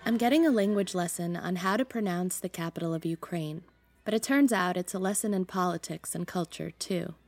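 A podcast host raised in the United States, whose first language was Russian, narrates her show in a conversational, reflective way. Her voice is fairly low and a little mellow, and she speaks a bit fast.

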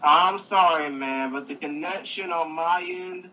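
A man with a high, bright voice talks casually as a show co-host. His call connection is bad, so his voice breaks up and drops to faint. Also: a little slow, rough recording. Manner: chatty, restarts and corrects himself. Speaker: co-host of a fight-sports talk show. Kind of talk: casual chat over a call.

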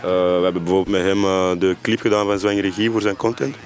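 A Flemish man, a native Dutch speaker, chatting casually with frequent hesitant pauses. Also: sits low, fairly even intonation, soft background music. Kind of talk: casual chat.

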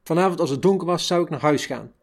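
A man reads a first-person memoir aloud, steady and measured. His voice sits fairly high for a man. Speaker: reader of a memoir.

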